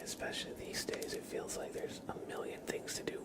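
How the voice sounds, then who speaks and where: Gentle and reassuring, a man breathes out positive affirmations in a whisper, pausing between phrases as he streams ASMR.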